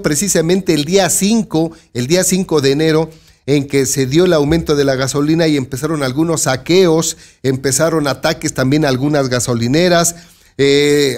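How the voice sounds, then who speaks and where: A man's voice: fairly high pitch, darkish tone. A man hosting a local news commentary show, talking straight to his listeners and warning them to be careful. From Mexico. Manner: conversational, addresses listeners directly with warnings. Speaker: news host.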